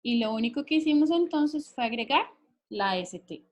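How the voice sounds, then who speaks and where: A woman's voice: fairly high pitch, animated, normal speed, a little mellow. A woman teacher explaining English grammar rules patiently, often checking that her students follow along. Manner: patient, checks understanding with frequent questions. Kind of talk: recorded grammar lesson explaining in Spanish.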